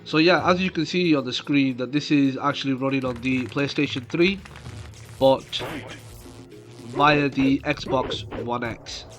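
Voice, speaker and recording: Nasal from an oncoming cold, a man of medium, slightly bright pitch casually comments on his gameplay for his channel. He's slow and meandering, using lots of fillers, while game music runs in the background.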